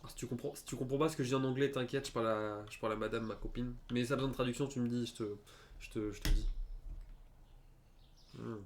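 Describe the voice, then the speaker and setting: A man's voice: mid-range voice, steady tone, quick pace, a little hiss or hum. A young adult man from France with a French accent, chatting casually and hesitantly while streaming a game, with many fillers and restarts. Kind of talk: casual gaming chat.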